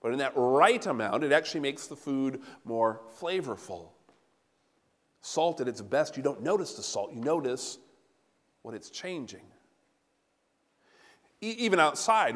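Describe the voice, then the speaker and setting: A middle-aged pastor with a high-pitched voice preaches an animated sermon, pacing in front of the altar. His voice carries through a large sanctuary and trails off in a long reverb, picked up from a distance. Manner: animated, gesturing, walking about while preaching. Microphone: no handheld mic, recorded from a far camera.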